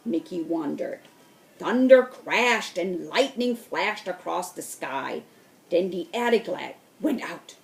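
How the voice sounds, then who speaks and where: A woman reading a children's storybook aloud in a slow, expressive way. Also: on the low side, creaky, reverberant. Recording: voice distant from the mic.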